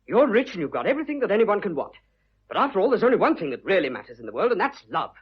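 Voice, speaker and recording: A man voicing an earnest young businessman, all bluster and awkward tenderness, his pitch leaping up and down as he talks. The voice is a little husky, and the radio play recording is dull and lo-fi. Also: sing-song, very fast, exaggerated voice.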